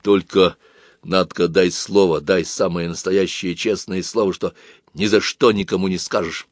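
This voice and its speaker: A man's voice: low-pitched, fairly even intonation, unhurried, dry recording, clean studio sound. A man reading a story aloud, voicing an earnest teenage boy who argues his plan emphatically and persuasively. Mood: secretive.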